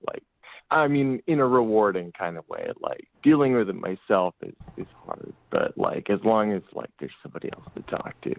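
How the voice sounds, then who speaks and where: A man's voice: on the low side, big pitch swings, normal speed, creaky. A male caller talking over the phone in a rambling way, full of fillers. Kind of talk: casual call-in chat. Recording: tinny dry phone line.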